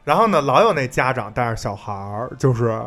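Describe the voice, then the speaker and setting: A man talks in a casual podcast, blunt and profane. His mid-pitched voice moves up and down a lot as he tells his stories. Faint music plays underneath. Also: brisk. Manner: blunt, profane, animated storytelling. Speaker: podcast co-host. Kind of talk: casual chat.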